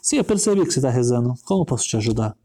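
A man's voice: medium pitch, sing-song, rapid-fire, warm tone. A man doing a caring, persistent rabbi. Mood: coaxing. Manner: earnest, coaxing. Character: earnest older male rabbi-activist, caring and persistent.

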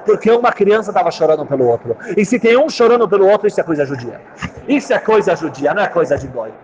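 A man teaching a Torah class, chanting Hebrew verses slowly and explaining them with rhetorical questions. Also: high voice, sing-song, darkish tone. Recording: muffled lo-fi recording.

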